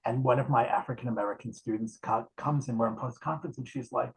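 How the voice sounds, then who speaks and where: A man in conversation over a video call, speaking as a nurse educator at a middle pitch. He tells his stories loosely, often restarting his sentences and slipping into quoted dialogue. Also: steady tone, quick pace, gravelly, poor audio.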